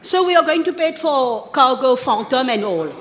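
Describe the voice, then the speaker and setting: A woman's voice: sits high, animated, moderate pace, crowd noise. A woman with a Mauritian accent giving a formal parliament speech as a minister answering questions. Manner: formal, addresses the Speaker. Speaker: government minister.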